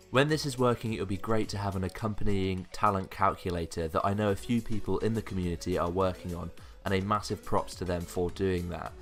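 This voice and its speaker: Low-voiced man presenting a countdown list video. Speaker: gaming video creator. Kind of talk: top five countdown list commentary. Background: background music.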